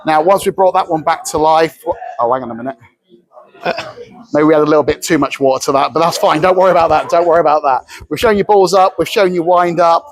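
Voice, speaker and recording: A man's voice: fairly high pitch, fast, rough recording. A man, a prop dealer, demonstrating magic tricks in a chatty, showman-like way. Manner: chatty, showman-like, hesitant fillers. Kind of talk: product demonstration.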